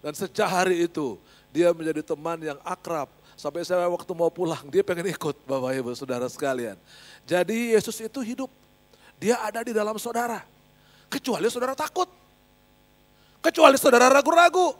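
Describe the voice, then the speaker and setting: A man's voice: sits high, brisk. A male pastor giving an emphatic sermon with a personal testimony, often turning to address the congregation directly.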